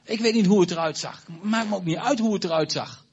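A man preaching to a congregation with a husky, slightly breathy voice that sits a little high for a man. He repeats himself for emphasis and stumbles, turning aside now and then to address the people in the room. The recording is dull and lo-fi. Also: brisk. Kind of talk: sermon. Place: church congregation.

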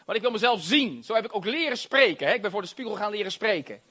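A man preaching a sermon, animated and exclamatory, with frequent hallelujahs and amens and laughter between phrases. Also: high-pitched, fast.

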